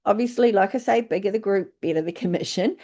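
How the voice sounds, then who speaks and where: A woman's voice: medium pitch, fast talker, dark tone. An older woman with a New Zealand accent giving a chatty, informal presentation as a travel agent recruiter, with plenty of fillers.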